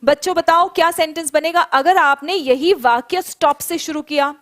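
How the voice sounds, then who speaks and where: A young woman teaching an online spoken English class, explaining in Hindi and drilling English phrases slowly for students to repeat. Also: sits high, fairly bright tone.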